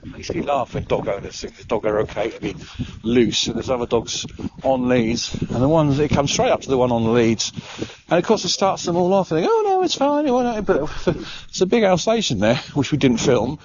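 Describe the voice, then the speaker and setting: A man's voice: mid-range voice, animated, fairly quick. Breathless man vlogging outdoors. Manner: rambling, chatty, with frequent "uh" and restarts. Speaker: travel vlogger. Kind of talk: casual walking vlog. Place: outdoor park by the water. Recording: dull lo-fi sound with clear background noise.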